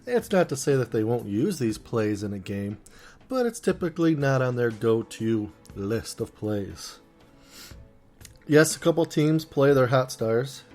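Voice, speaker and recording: A man hosts a laid-back solo podcast, chatting playfully and rambling about his food while he eats it. His voice is middle-pitched, very animated and unhurried, with soft music playing in the background.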